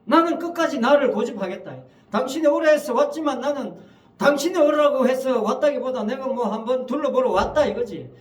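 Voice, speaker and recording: A man's voice: extremely high pitch, fairly quick. A man playing a stubborn, defiant male wedding guest who smugly insists on keeping his own clothes. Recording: echoey church hall, mic at a distance.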